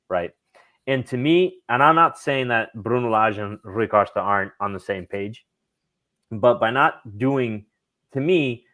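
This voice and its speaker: A man's voice: lowish voice, fairly bright tone, dry recording. A man co-hosting a casual football podcast, thinking aloud and often restarting his words. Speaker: podcast co-host.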